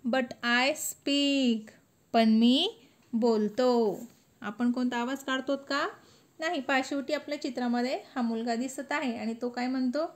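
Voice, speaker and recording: A woman teacher, slowly reciting a children's poem and explaining it in a sing-song classroom manner. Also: fairly high pitch. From India. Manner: slow, sing-song recitation with lifted words.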